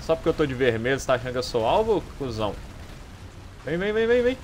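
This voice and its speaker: Excitable swearing Brazilian gaming streamer man. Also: medium pitch, fast, slight background noise. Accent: Brazilian Portuguese. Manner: excitable, swears often, yells at enemies. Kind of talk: live gameplay commentary.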